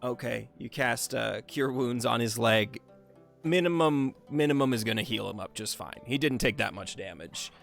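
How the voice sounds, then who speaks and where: A man narrating a tabletop game as game master, relaxed and rambling with many fillers. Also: medium pitch, normal speed, creaky, soft background music.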